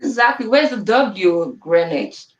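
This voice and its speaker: A woman's voice: mid-range voice, unhurried, muffled recording, a little hiss or hum. A woman from Nigeria with a Nigerian accent, a student advisor talking animatedly and laughing often in a live Q&A. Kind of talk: live Q&A chat. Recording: roomy sound from far off the mic.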